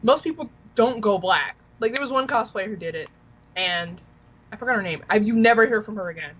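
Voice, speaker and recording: A woman's voice: medium pitch, a little fast, a bit bright, highs cut off, a little hiss or hum. A woman cosplayer and commentator on a podcast, blunt and opinionated. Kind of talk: casual podcast chat.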